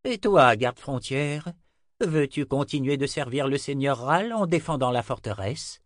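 A man voicing a kindly, wry old male wizard in an audiobook, speaking in a warm, unhurried way. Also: mid-range voice, animated, dry recording, studio quality, pitched above the performer's own voice, lightly acted. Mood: genial. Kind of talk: audiobook character reading.

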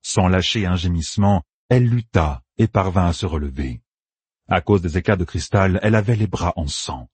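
A man narrating a fantasy audiobook with lively, dramatic reading. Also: deep voice, normal speed, husky, no echo.

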